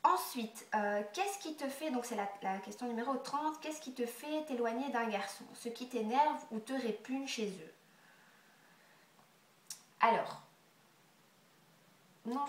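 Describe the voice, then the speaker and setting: Young woman with a blocked stuffy nose, bright voice, chatty and umming a lot, kinda far from the mic in an echoey room. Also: medium pitch. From Belgium. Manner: chatty, hesitant, many fillers, drops to quiet asides. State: congested nose, stuffy breathing. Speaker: beauty vlogger. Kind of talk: casual Q&A tag video.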